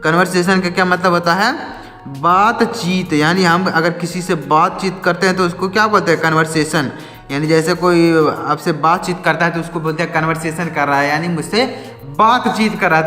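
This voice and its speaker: A man's voice: high voice, steady tone, moderate pace, pushed and bright. A man teaching English vocabulary in Hindi, spelling each word letter by letter, asking questions and answering them himself, over faint music. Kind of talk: spoken Hindi lesson. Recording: echoey room with long reverb.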